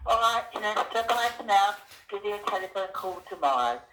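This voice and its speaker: A woman's voice: medium pitch, expressive, moderate pace, a bit bright, echoey room, rough recording. An older woman leaving a formal, repetitive voicemail, heard played back over a landline phone. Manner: formal, repetitive, announces herself by name. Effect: voicemail message played over a landline phone.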